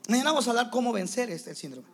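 A man preaching a sermon to church leaders, animated and playing out quick scenes in other voices. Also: extremely high pitch. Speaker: pastor.

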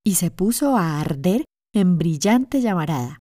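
A woman narrating a children's fairy tale in a gentle, expressive way. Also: fairly low pitch, a little slow, no room sound, clean studio sound. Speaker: storyteller. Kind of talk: children's storytelling. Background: faint music.

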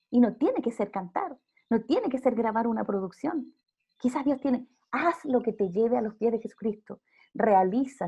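A woman's voice: high-pitched, dark tone, slightly rough, muffled recording. A woman speaking earnestly in a casual faith interview, preaching with emphatic repeated phrases.

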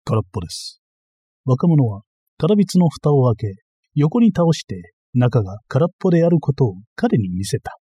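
A man narrating a comic historical novel in a measured storytelling manner, doing every character himself. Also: fairly high pitch, big pitch swings, warm tone, slightly rough, no echo. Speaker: audiobook narrator.

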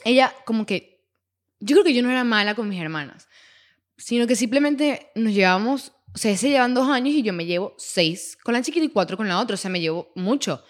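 Young woman, blunt and jokey, bit high voice, just chatting on a podcast. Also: animated, brisk. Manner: frank, banters, blunt slang. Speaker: podcast co-host. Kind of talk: casual chat.

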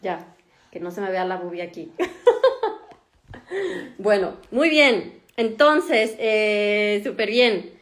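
A woman's voice: mid-range voice, lively intonation, slow pace, pauses often, a bit bright. A woman in her thirties with a Mexican accent, a doctor chatting casually to viewers from her home, laughing often and using many fillers. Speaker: doctor and vlogger. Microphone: phone camera.

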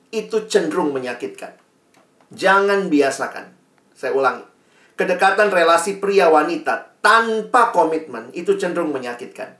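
A man speaking to young people in a sermon, conversational and lively, sometimes acting out teenagers' questions. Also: a little high. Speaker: youth speaker. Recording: roomy, distant mic.

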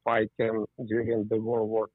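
A man's voice: lowish voice, completely flat delivery, a little slow, no echo. A middle-aged man from the Soviet Union, a native Russian speaker, recalling his past as an interview guest in a reflective way with slightly non-native phrasing. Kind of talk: interview conversation. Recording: tinny phone line.

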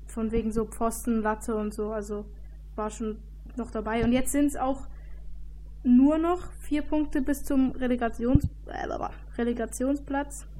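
Fairly high-voiced woman, hesitant chat. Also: fairly even intonation, unhurried, dark tone, slight background noise. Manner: hesitant, lots of fillers. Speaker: football podcast co-host. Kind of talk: casual chat.

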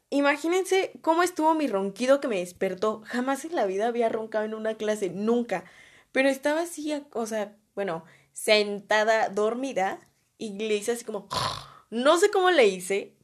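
A young woman with a Mexican accent, telling a story about her college days in a chatty way, full of slang and fillers. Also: fairly high pitch. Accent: Mexican Spanish. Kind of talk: casual storytime.

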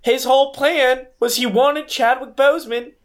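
A man's voice: very high-pitched, fairly even intonation, moderate pace, a bit bright. A man voicing a boastful old-time Southern plantation owner in an improvised comedy bit, with a put-on Southern accent that drifts toward a sitcom drawl. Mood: deadpan boastful. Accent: put-on Southern US, Seinfeld-like.

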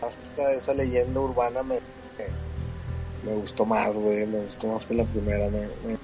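A man chats casually as a podcast co-host and throws in slangy exclamations. Music plays clearly behind his voice. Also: on the low side, flat delivery, measured pace, rough recording.

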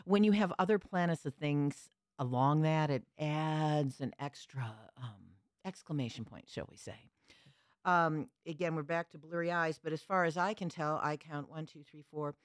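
A low-pitched woman astrologer hosts the talk, wandering into tangents and correcting herself as she goes. Her voice is recorded close and dry. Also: moderate pace, no room sound. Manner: digressive, self-correcting, frank. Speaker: astrologer and host. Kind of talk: conversational explanation.

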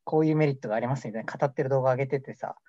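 A man's voice: mid-range voice, very fast, dark tone, dry recording. A young man co-hosting a casual mock radio show, rambling and joking at himself. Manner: rambling, jokey, self-deprecating. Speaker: amateur radio show co-host. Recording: dull lo-fi dry recording.

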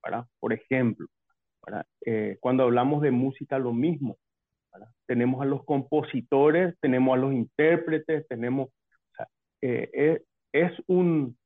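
A man with a Paraguayan Spanish accent, speaking as a guest on a bad connection, unhurried and full of hesitations. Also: medium pitch, dry recording. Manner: measured, with many hesitations and tag questions. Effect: bad connection on a call. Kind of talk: casual remote conversation. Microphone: call from a distance. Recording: muffled, phone-like call line.

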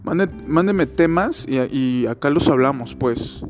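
A man's voice: on the high side, expressive, a little slow, soft background music. A hungover man with a Mexican Spanish accent hosts a solo podcast, rambling casually and jokily in crude slang. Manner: informal, crude slang, joking.

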